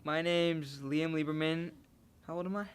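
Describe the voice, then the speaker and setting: A man's voice: fairly high pitch, steady tone, moderate pace, slight background noise. A seventeen-year-old man, a graduating homeschool student, answering interview questions in a rambling, self-correcting way.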